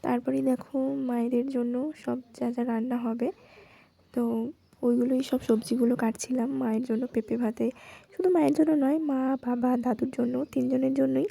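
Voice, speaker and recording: A woman narrating her daily-life vlog in a quiet, hushed voice, recorded at home while lying in her bedroom. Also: sits high. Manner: quiet, hushed voice-over with a gravelly edge. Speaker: vlogger. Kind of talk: soft-spoken daily-life vlog voice-over.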